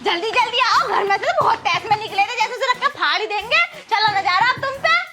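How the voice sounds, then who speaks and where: A woman's voice: very high voice, lively intonation, fairly quick. A woman playing a quarrelsome young village wife in a comedy skit. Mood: pleading. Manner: quarrelsome, dramatic. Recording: music in background.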